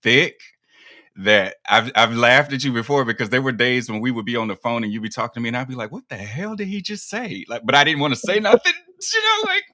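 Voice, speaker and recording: A man's voice: mid-range voice, sing-song, fast, pushed and bright, dry recording, studio quality. A man hosting a podcast, chatting casually and teasing his guests with lots of laughter. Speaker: podcast host.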